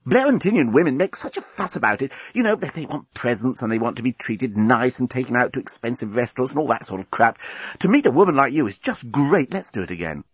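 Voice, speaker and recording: A man's voice: medium pitch, very animated, fast, slightly rough, no room sound, muffled recording. A man voicing a smug, lecherous male alien journalist. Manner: smug and self-satisfied.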